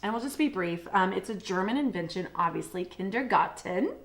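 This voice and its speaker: A woman's voice: fairly low pitch, expressive, fast talker, slight background noise. A woman co-hosting a casual podcast, chatting and reading short quotes aloud with fillers and restarts. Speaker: podcast co-host.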